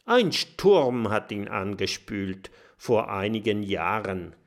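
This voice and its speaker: A man voicing an excitable little male mole who warns and explains in an urgent way, in a storybook reading. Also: on the low side, slow, heavily acted. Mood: explaining. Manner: urgent, warning.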